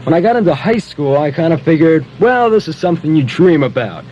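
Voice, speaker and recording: On a vintage 1970 radio aircheck, a Philadelphia man in his twenties delivers playful, chatty Top 40 DJ patter full of interjections and asides, with pop records playing beneath him. His voice runs on the high side with big pitch swings, brisk and slightly mellow, and the audio has cut-off highs and a little hiss or hum.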